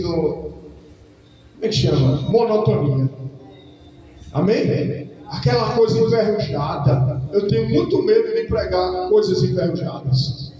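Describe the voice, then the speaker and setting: A pastor preaching a lively sermon to his congregation, swinging between loud calls and quiet asides. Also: high voice, muffled recording, a little hiss or hum. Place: church hall. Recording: echoey hall, distant mic, faint music.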